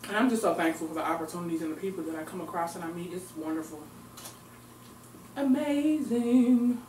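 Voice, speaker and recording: A woman's voice: fairly low pitch, brisk, a little mellow, slight background noise. A young woman chatting expressively as she eats on camera in her home recording room, mixing talk with murmured eating sounds. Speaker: mukbang vlogger. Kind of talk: casual eating vlog chat. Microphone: camera mic at a distance. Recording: echoey room, heard from far off.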